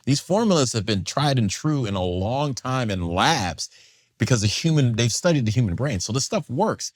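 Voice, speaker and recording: A man speaking as a guest in a casual panel discussion, animated and full of fillers. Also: mid-range voice, moderate pace. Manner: animated, acts out quoted voices, many fillers.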